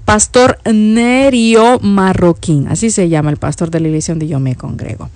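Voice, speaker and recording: On a casual live stream, a fifties-aged worship leader from El Salvador warmly reads out comments from viewers and laughs a lot. Her Salvadoran Spanish comes in a slightly mellow, medium-pitched voice at normal speed, with no room sound.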